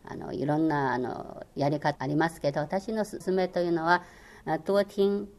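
This is a low-pitched, darkish female voice at a moderate pace. The speaker, an older former radio language lecturer whose native tongue is Chinese, replies to an interviewer in an earnest, encouraging manner, hesitating often with fillers.

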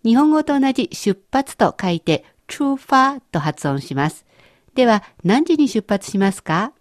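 A woman teaching a language lesson in a clear, encouraging way, explaining step by step. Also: a little high, sing-song, a little slow, no echo, clean studio sound.

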